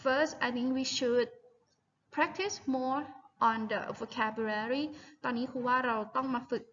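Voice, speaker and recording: A woman teacher giving a bilingual lesson, saying each drill word slowly and clearly for students to repeat. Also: on the high side, fairly bright tone, muffled recording, a little hiss or hum. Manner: slow, drawn-out drill words for repeating aloud. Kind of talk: bilingual classroom lesson video.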